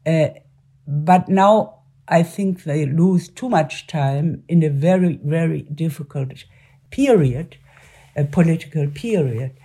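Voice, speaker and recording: An older woman with a German accent gives interview answers on politics. Her voice is husky and fairly mellow, and she moves slowly, often hunting for the next word in a language that is not her native German. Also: sits low. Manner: halting, searching for words in a second language. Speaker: former member of parliament, interview guest.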